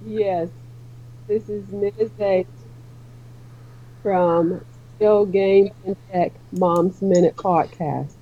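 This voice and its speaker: A woman's voice: mid-range voice, fairly even intonation, drawn-out words, long pauses, mellow. A woman calls into a show over an internet call, and her voice comes through muffled, as if heard through a wall. The line is dull and lo-fi, with a sound shield wrapped around her mic. She talks in a chatty way and keeps fussing over how she sounds. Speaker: caller.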